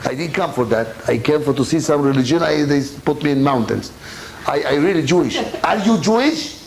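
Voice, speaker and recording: A man's voice: medium pitch, fairly quick, vocal fry, a little mellow, a little hiss or hum, low-quality recording. A man giving a Torah lecture as a rabbi, telling stories in broken English with Hebrew words mixed in and acting out both sides of each dialogue. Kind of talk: storytelling sermon.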